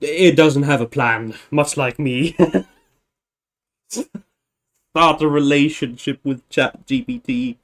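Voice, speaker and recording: A man's voice: fairly high pitch, takes it slowly, pauses often. A man hosting a livestream, casually thinking aloud, often correcting himself and chuckling. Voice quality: meandering, self-correcting, chuckling. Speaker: livestream host.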